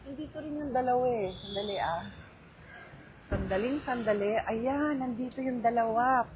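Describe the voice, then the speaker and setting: A woman's voice: on the high side, normal speed, noisy background. A middle-aged woman with a Filipino accent talks casually into her phone during a live stream. She drifts easily between Filipino and English, greets viewers by name, and chats about her day. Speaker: vlogger hosting a phone livestream. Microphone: handheld phone.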